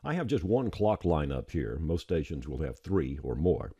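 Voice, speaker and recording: In this step-by-step software tutorial, a man with an extremely deep voice narrates at a moderate pace with no echo. His tone is dark and somewhat husky, yet his pitch moves around in a lively way. He talks in a plain-spoken, informal manner.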